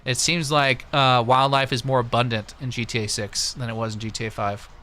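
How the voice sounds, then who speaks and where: Soft background music plays as an American livestream host from Missouri answers viewers, chatting casually and sharing opinions into a close desktop USB microphone. His mid-range voice is flat in delivery, fairly quick, and bright and forceful.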